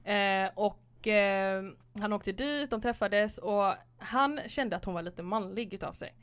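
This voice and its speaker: A woman's voice: medium pitch, fairly bright tone, clean tone. A woman co-hosting a casual chat, blunt and frank, mixing in English slang. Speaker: podcast co-host.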